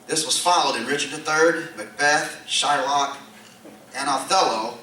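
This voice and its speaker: At a convention, a man reads aloud a tongue-in-cheek speech inducting an award honoree to the room. His fairly high voice is unhurried, bright and forceful. The recording comes from a distant mic in an echoey hall with background noise.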